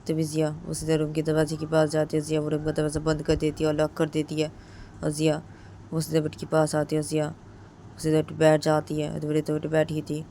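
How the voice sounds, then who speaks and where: A woman's voice: low-pitched, completely flat delivery, fairly quick, warm tone, slight background noise. A woman narrating a romantic story in plain, run-on sentences strung together with linking words.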